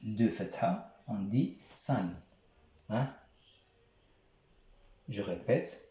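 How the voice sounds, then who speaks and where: A man teaching the Arabic alphabet in a slow, patient lesson, repeating syllables and checking that his students follow. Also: fairly low pitch, big pitch swings, warm tone, echoey room, dull audio.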